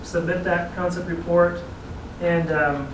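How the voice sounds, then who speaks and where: High-pitched and level, a little slow, this regional transportation planning presenter explains things to a city council in a laid-back way, chuckling at his asides. The audio comes from an echoey chamber with a distant mic and clear background noise.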